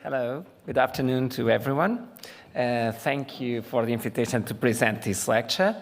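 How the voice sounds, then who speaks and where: Gravelly Portuguese man lecturing in a hall. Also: medium pitch. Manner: measured, with frequent "uh" fillers. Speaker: invited lecturer, physician. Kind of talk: medical conference lecture. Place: conference hall. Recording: reverberant conference hall.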